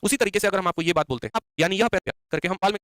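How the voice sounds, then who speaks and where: A man teaching an exam-prep math lesson, drilling students with quick repeated questions. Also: high-pitched, fairly bright tone, clear, resonant tone, no room sound, studio quality.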